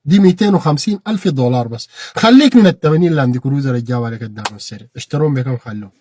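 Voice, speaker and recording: A man with a Sudanese Arabic accent giving an impassioned political monologue, repeating phrases and bursting into shouted peaks. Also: medium pitch, animated, rapid-fire, slight background noise. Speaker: political commentator.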